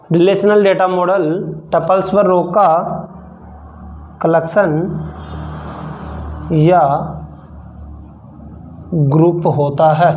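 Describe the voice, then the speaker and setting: High-voiced slow teacher man. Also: a little mellow, slight background noise, rough recording. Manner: repeats phrases slowly for note-taking. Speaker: computer teacher. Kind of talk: slow dictation-style lesson.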